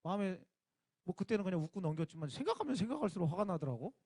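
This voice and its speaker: A man's voice: sits high, big pitch swings, very fast, mellow, breathy edge, no echo. A male youth pastor giving a casual sermon to teenagers, talking informally and directly with emphatic rising bursts.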